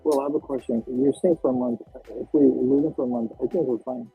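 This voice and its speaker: A male caller in a casual call-in chat whose voice comes through a muffled, bass-heavy microphone, hesitant and repeating his words. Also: steady tone, quick pace, creaky, faint music behind. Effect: muffled, bass-heavy microphone sound.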